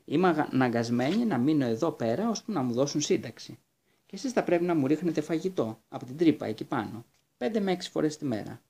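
A man's voice: a little high, lively intonation, darkish tone, husky. A man voicing a bold, cheerful young girl in a storybook reading, cheeky and boastful. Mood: playful.

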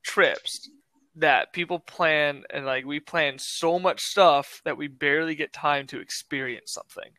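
A young man chatting as a podcast guest, easygoing and quick to laugh. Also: on the high side, steady tone, pushed and bright, dry recording. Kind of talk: casual chat.

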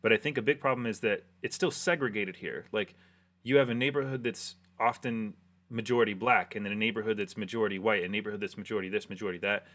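A young American man hosting a relaxed, rambling chat with an old friend, full of fillers. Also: on the low side, quick pace. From United States. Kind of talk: casual chat.

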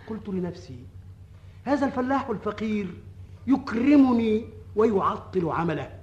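High-voiced Ma'ruf, excitable folk-tale wanderer. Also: male voice, normal speed, lo-fi sound. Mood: animated storytelling. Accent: Egyptian. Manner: theatrical storytelling. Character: excitable, timid male folk-tale wanderer telling his fortune. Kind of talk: old radio drama acting.

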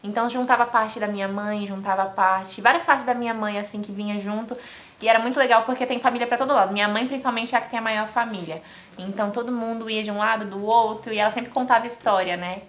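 A woman's voice: on the high side, fairly even intonation, quick pace, a bit bright, echoey room. A Brazilian woman hosting a podcast, chatty and openly emotional as she talks with guests. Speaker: podcast host. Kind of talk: casual interview chat.

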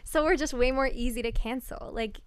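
A young woman as a podcast guest, joking and teasing in quick banter with lots of laughter. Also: fairly high pitch, smooth, no echo. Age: young adult. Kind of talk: casual chat.

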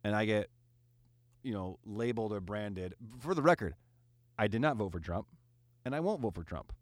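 Animated man in casual chat, dry mic. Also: lowish voice, moderate pace, dry recording. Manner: animated, rambling with fillers and restarts.

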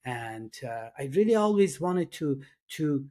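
Here the middle-aged Iranian guest sounds fairly high-pitched and very animated, though his delivery stays halting, earnest and soft-spoken with plenty of fillers and restarts. A Persian speaker with an Iranian accent, he's an addiction and trauma coach answering questions in a casual interview.

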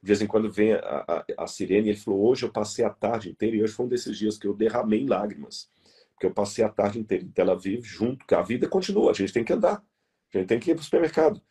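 This Brazilian interview guest, with a Brazilian Portuguese accent, argues earnestly in conversation, emphatically repeating key words. His lowish voice is mellow and husky, with lively intonation and a quick pace.

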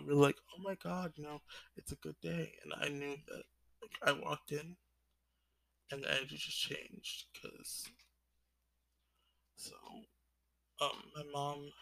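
A man's voice: on the high side, vocal fry, a bit bright, no echo. A twenty-year-old man talking in a confessional vlog, rambling with lots of "like" fillers and sighs. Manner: rambling, full of "like" fillers, sighing. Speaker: vlogger.

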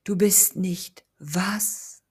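A woman voicing an eerie, pleading ghost in a slow, breathy whisper. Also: medium pitch, a little mellow, voice pushed up.

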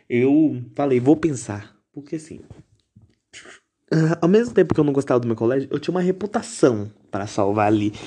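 A man's voice: on the high side, dark tone. A teenage boy telling a story to his viewers in a chatty, dramatic, self-mocking way. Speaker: vlogger. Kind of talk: casual storytelling to camera.

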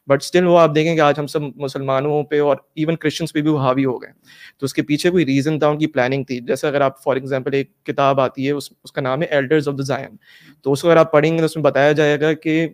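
Explaining man with a raised voice. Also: on the high side. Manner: explanatory, lecturing tone, mixes English into Urdu. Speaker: guest in a discussion. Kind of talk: casual discussion.

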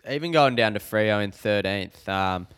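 A man's voice: fairly low pitch, moderate pace, fairly bright tone, smooth. A man with an Australian accent, chatting casually as co-host of a sports betting podcast. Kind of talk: casual chat.

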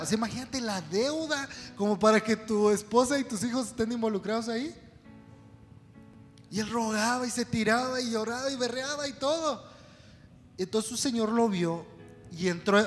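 A man preaches a sermon to his congregation, asking them to repeat his words back. His voice sits high for a man. The sound carries a long hall reverb, with faint music in the background. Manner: preaching to a congregation, calling for responses. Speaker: pastor.

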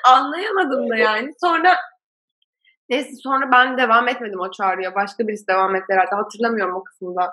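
A young woman chatting casually, telling a story about her old call center job in an animated way and laughing often. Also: on the high side, brisk. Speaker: former call center worker.

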